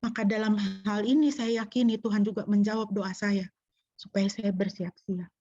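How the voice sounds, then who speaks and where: A woman's voice: medium pitch, steady tone, normal speed, mellow, no room sound, lo-fi sound. A middle-aged woman pastor from Indonesia preaching a sermon, telling a personal story and acting out the voices of people she quotes. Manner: storytelling, acting out quoted speech, emotional emphasis.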